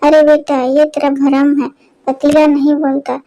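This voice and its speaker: A woman voicing a stern, gruff middle-aged village father in a storybook tale. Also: high-pitched, flat delivery, measured pace, dark tone. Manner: gruff and scolding.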